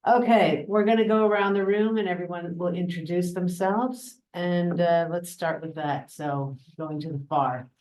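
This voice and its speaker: A woman's voice: on the low side, normal speed, few pauses, darkish tone, poor audio. A middle-aged woman, executive director, chairing a planning meeting in a meeting room with a joking, breezy manner.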